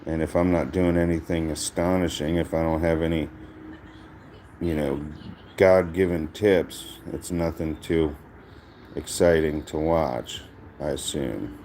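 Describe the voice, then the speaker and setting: A man giving casual, self-mocking commentary over a mobile strategy game he is playing, in a dry, monotone way. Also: extremely low pitch, measured pace, slight background noise. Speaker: gaming channel host.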